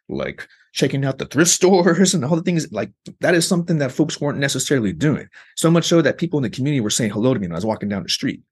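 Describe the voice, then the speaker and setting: Male researcher guest, quick and husky, explanatory, filler-heavy conversational delivery. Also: a little high. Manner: explanatory, frequent fillers like "like" and "you know". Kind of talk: conversational interview.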